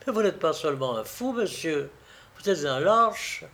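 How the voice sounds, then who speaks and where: A woman's voice: deep voice, expressive, normal speed, fairly bright tone. A man reading an audiobook, voicing a proud young woman who is frightened but keeps her dignity. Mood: indignant. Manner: pleading, then indignant. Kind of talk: audiobook character voice.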